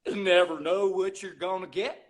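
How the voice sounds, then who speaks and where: A man puts on a gentle, goofy fellow who loves everyone and talks slowly and simply. The voice is high for a man and unhurried. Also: fairly even intonation, natural voice. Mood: dreamy. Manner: slow and goofy.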